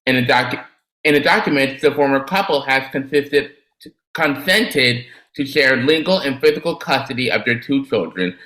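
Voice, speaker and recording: Bright-voiced man reading a news item. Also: medium pitch, lively intonation, moderate pace, reverberant, poor audio. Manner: reads with stumbles and self-corrections. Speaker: podcast co-host presenting topics.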